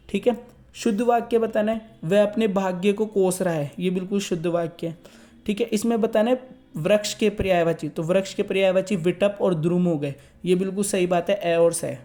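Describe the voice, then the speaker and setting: Man, exam tutor, high mellow voice, step-by-step explaining. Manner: explains step by step, keeps asking "theek hai".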